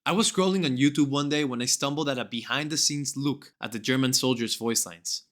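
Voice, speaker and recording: A man's voice: mid-range voice, fairly quick, a bit bright. A young man narrating a scripted gaming video in an enthusiastic, gushing and informal way.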